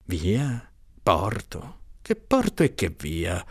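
A man reading aloud, voicing a grim, stubborn man with a jinx reputation who speaks insistently with bitter, drawn-out emphasis. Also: fairly high pitch, sing-song, fairly bright tone, pitched above the performer's own voice, exaggerated voice. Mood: muttering.

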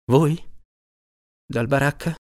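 Man doing an exasperated judge, voice raised high. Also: slow, a little mellow, no room sound, studio quality, close to an everyday voice. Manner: raised, incredulous, exclaiming. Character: exasperated middle-aged male judge.

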